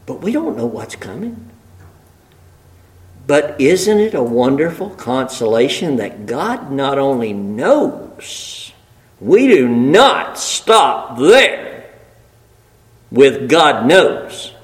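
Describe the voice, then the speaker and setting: A man's voice: medium pitch, very animated, takes it slowly, poor audio. A man preaching a sermon in a folksy, emphatic way, building rhetorical lists and repeating phrases for weight.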